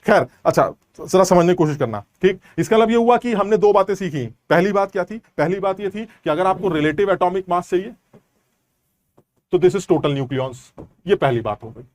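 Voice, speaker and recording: Male tutor, high voice, dry close sound, explains and quizzes the class. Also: normal speed, no echo. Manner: explains step by step, asks students rhetorical questions. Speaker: chemistry teacher. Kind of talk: online class lecture.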